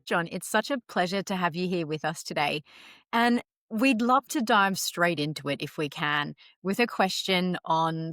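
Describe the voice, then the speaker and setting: A woman co-hosting a podcast, welcoming the guest and asking measured questions. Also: fairly low pitch, a bit bright, no room sound, studio quality. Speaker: podcast co-host. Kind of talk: polished interviewing.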